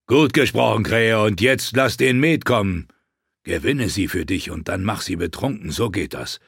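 A man doing a boisterous gruff wildling chief. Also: lowish voice, expressive, normal speed, dry recording, studio quality, heavily acted. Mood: hearty, teasing.

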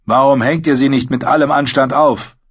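A man reading an audiobook voicing an indignant soldier who speaks up loudly. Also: medium pitch, fairly even intonation, moderate pace, husky, pitched above the performer's own voice. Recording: dull lo-fi sound.

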